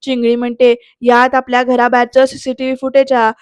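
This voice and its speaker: A woman recaps a TV serial episode in voice-over, retelling each scene and calling out to her viewers. Her voice is high and fairly flat in pitch. It is recorded dry on a close mic. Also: brisk, clear, resonant tone, no room sound. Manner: lively storytelling, addresses viewers directly. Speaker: serial reviewer.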